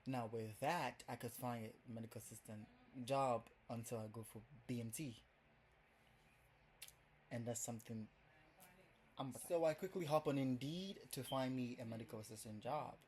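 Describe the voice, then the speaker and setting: In a rough recording with a little hiss or hum, a Ghanaian-accented young man from Ghana speaks at a moderate pace in a medium-pitched, slightly mellow voice. It's his first casual vlog to camera, and he rambles chattily, using "like" and "um" constantly.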